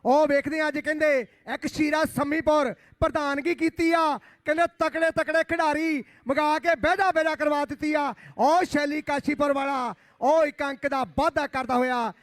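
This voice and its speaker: A man giving live kabaddi commentary in exclamatory, rhyming chants with drawn-out phrases. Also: extremely high pitch, steady tone, no echo.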